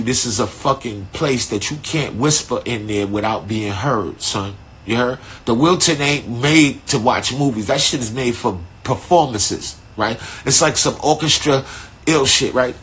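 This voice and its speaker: A man, telling a story in casual street slang on a live stream from his phone, animated and profane. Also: mid-range voice, slightly rough. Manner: animated, profane, laid-back street slang with frequent "right?". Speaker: artist hosting a live stream.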